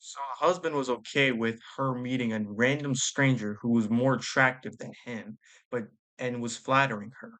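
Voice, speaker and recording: A man's voice: mid-range voice, steady tone, normal speed, a bit bright. A young man giving sarcastic, blunt commentary, using slang and stumbling over his words. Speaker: commentary vlogger. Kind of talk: reaction commentary.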